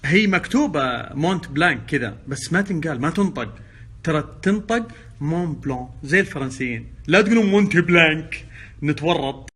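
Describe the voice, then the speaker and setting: A man's voice: a little high, lively intonation, fast, husky. A man chatting playfully and exclaiming as he vlogs to his phone from his car. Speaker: social media vlogger. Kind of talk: casual chat to phone camera. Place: in a car and at a petrol station. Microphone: phone held by hand. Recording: phone recording with loud traffic noise.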